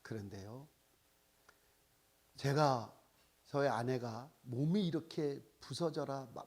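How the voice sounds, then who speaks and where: A man in his sixties, a missionary preacher, telling personal stories in a sermon with animated, exclaiming delivery. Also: medium pitch, husky. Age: 60s. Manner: animated storytelling, exclaiming and laughing often.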